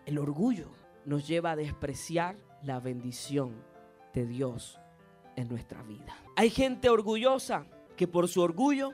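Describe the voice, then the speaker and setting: A man preaching a sermon, telling stories dramatically and building to loud, impassioned preaching. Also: fairly high pitch, lively intonation, a little slow, soft background music. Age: adult, past university. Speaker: pastor.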